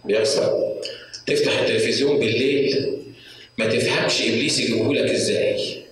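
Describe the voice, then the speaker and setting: A man with an Egyptian Arabic accent preaching a sermon in a church hall, emphatic, breaking into high-pitched outbursts and rhetorical questions. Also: steady tone, fast, a bit bright, far from the mic, a little hiss or hum. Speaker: pastor. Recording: echoey hall, voice from afar.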